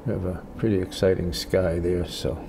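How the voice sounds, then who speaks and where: An older man speaks as a gentle painting instructor, in a low, gravelly voice. He guides casually and encouragingly through each step, unhurried, with some steady noise behind him. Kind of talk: casual spoken painting tutorial.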